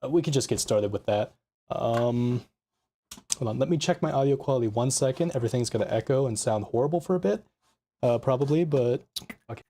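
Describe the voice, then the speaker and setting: A man's voice: mid-range voice, fairly quick, mellow. A young man on his first live stream, chatting casually and a bit scattered as he fiddles with his audio settings and starts a PC build at his desk. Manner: scattered and self-deprecating, thinking aloud. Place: home desk setup. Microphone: desk mic with live compressor tweaks.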